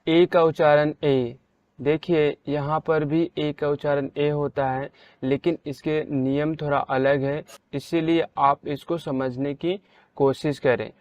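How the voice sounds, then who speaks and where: Slow, deliberate male reading teacher. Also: on the high side, flat delivery, no room sound, dull audio. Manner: slow and deliberate, stressing each example word loudly. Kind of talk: slow spelled-out pronunciation lesson.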